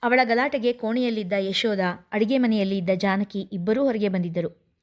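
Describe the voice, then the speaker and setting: A woman's voice: medium pitch, a little fast. Woman narrating a story. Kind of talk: narrated serial story reading.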